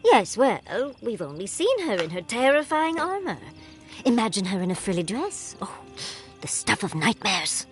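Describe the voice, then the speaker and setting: An actress playing a witty, teasing adventurer companion in a fantasy video game. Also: female voice, medium pitch, very animated, moderate pace, faint music behind, lightly acted. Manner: dry, teasing humor.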